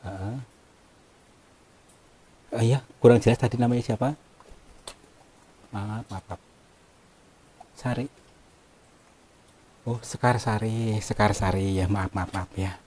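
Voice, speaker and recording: A man's voice: fairly low pitch, fairly even intonation, takes it slowly, pauses often, darkish tone. Hesitant apologetic man in a cave. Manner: hesitant, apologetic, many fillers. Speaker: cave-exploring vlogger. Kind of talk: hushed polite on-location talk.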